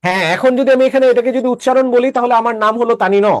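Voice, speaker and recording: A man's voice: very high voice, rapid-fire. A man teaching an online class, explaining step by step and checking that students follow with short questions.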